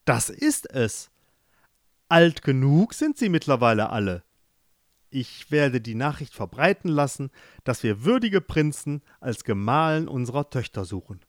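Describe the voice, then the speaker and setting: A man voicing an irritable, blustering middle-aged king who shouts in exasperation. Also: medium pitch, sing-song, measured pace, no echo, clean studio sound. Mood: scheming.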